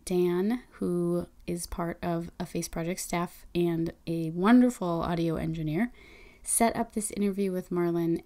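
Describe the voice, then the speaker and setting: A woman hosting a podcast, reading listener reviews and introducing the guest in a friendly, unhurried way with occasional ums. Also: on the low side, dark tone. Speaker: podcast host.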